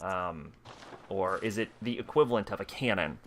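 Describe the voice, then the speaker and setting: A man's voice: deep voice, normal speed, a bit bright. A man giving casual, profane commentary while playing a video game on stream. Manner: swearing, self-mocking. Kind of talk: gameplay commentary. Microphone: headset.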